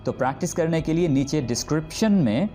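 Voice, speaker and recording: A man teaching English pronunciation, repeating each example word slowly and deliberately. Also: fairly high pitch, animated, warm tone, soft background music. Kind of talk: spoken pronunciation lesson.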